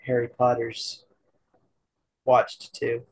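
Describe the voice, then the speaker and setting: A man's voice: mid-range voice, monotone, drawn-out words, slight background noise, poor audio. A man from Utah co-hosting a podcast, chatting casually and mostly answering with short, easy agreement. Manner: short replies, easygoing agreement. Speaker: podcast co-host. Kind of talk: casual chat.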